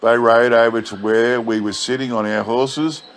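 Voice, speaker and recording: A man's voice: medium pitch, fairly even intonation, moderate pace. A man reading a bush yarn as scripted narration in a laconic outback drawl. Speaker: story reader. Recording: clear background noise.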